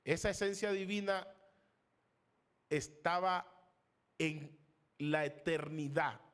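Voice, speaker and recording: A man who is a pastor teaching a theology class, lecturing in a classroom style, raising his voice to stress key terms, asking questions of the class and pausing with fillers. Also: fairly high pitch, a bit bright. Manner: pauses with fillers, searches for names.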